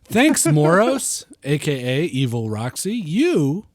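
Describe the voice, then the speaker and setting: A man from Milwaukee hosts a gaming podcast in loose, joking chat. His voice swings widely in pitch and has a dry, close sound with no room echo. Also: huge pitch swings, slow. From Milwaukee, USA. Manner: joking, rambling, apologetic. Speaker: podcast host.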